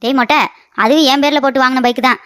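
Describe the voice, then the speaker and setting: A woman voicing a sharp-tongued older mother-in-law in an animated story, scolding in rapid bursts and grumbling about aching knees. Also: high-pitched, no room sound. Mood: indignant. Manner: rapid scolding, complains of knee pain.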